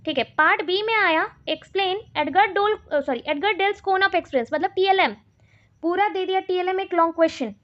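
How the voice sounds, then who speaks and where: A woman teacher with an Indian accent giving a brisk exam revision lecture, reading questions aloud slowly and explaining them. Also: extremely high pitch. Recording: dull lo-fi recording.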